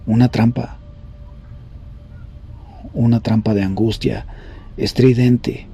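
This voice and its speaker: A man reading horror stories aloud in a grave, measured storytelling voice. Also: medium pitch, steady tone, warm tone, muffled recording, slight background noise. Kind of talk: scripted horror story narration.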